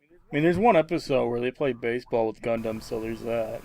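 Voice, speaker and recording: A man's voice: mid-range voice, brisk, darkish tone. A man hosting a casual group podcast chat, with an offhand, dry joking manner. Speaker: podcast host.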